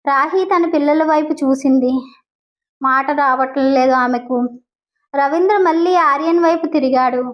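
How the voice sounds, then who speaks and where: A woman narrates a scripted audio drama in a high voice, reading in a steady, descriptive way. The recording is dull and lo-fi. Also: normal speed. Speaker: storyteller.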